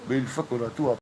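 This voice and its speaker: There's a creaky quality to this man's mid-range voice. He's chatting and joking casually with viewers on a cooking live stream, meandering through many fillers and restarts. A phone mic picks it up along with noisy ambience.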